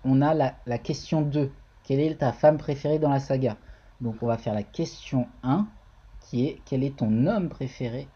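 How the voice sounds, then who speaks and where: Casting: male live-coding streamer, mellow husky voice, thinks aloud, chatty with his chat, dull lo-fi stream audio. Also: mid-range voice. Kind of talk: casual live-coding tutorial.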